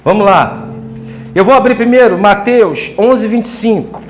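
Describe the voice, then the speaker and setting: A man's voice: sits high, unhurried. A man preaching a sermon as pastor, joking and talking colloquially. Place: church hall. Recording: echoey church room with faint music.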